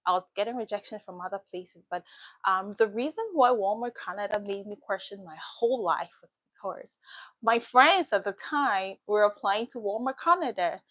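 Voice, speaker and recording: On her live stream, a young woman from Ghana talks casually and reads viewer comments aloud along the way. Her voice is mid-range, animated and a bit bright, at normal speed, and the lo-fi recording sounds dull and dry with no echo.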